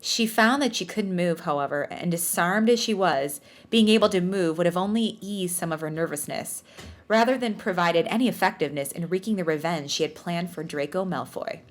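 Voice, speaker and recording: A woman with a fairly low voice talks a little fast, hosting a podcast where she reads fan fiction aloud like a storyteller. She breaks in with casual jokes at her own expense, keeping the tone bantering and self-mocking.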